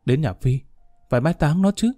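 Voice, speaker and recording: A man voicing a fiery, distraught young woman in a spoken story, pleading and shrill. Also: expressive, moderate pace, dark tone, soft background music. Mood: insistent.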